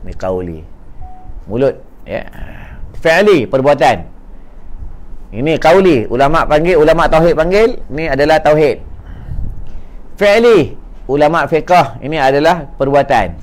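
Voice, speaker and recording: A man preaching with a Malaysian Malay accent, his voice sitting a little high for a man. He jokes, fires off questions and answers them himself. He swings between loud, pressing emphasis and soft, low asides. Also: measured pace, long pauses. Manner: lively, joking, asks and answers his own questions. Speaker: religious teacher. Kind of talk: casual sermon to a congregation.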